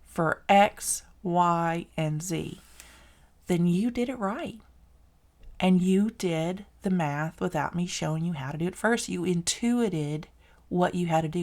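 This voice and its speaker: Her voice is lowish and a little mellow. Speaking with a Southern US accent, this math teacher runs a relaxed recorded algebra lesson, chatting, encouraging students, and fixing her own mistakes along the way.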